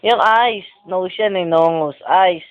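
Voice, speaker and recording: A woman's voice: lowish voice, slow pace, clear, resonant tone, phone-quality sound. A woman in a home video coaxing a toddler, playfully repeating words. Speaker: family member coaxing a toddler.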